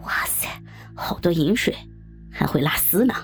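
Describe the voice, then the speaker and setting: A woman voicing a group of crude, boastful young men in a low, gruff put-on voice. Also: lively intonation, moderate pace, faint music behind. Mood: leering.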